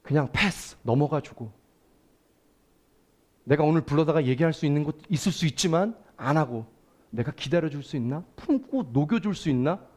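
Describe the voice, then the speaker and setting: A man's voice: a little high, animated, normal speed, darkish tone. A male pastor preaching a Sunday sermon in a church, emphatic and calling out to the congregation.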